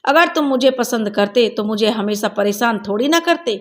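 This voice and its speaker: A woman's voice: fairly high pitch, animated, normal speed, lightly acted. A woman voicing a bashful, trusting young woman in a storybook reading, with shy, pouting replies.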